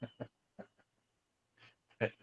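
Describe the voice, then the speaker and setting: This man draws out his words, and the audio is dull. Coaching marriages over a livestream setup, he speaks directly to husbands in an earnest, exhorting way.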